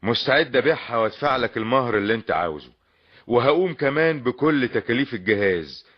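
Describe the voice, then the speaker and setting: An actor playing an earnest, pleading young suitor in an old radio comedy drama, with an Egyptian Arabic accent. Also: male voice, medium pitch, lively intonation, fast. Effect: old lo-fi radio drama recording. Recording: dull lo-fi old radio recording.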